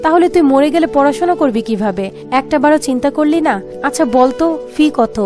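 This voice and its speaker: A woman's voice: high-pitched, lively intonation, normal speed, music in the background. A woman voicing a kind-hearted young village man who speaks earnestly and scolds out of care. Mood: caring.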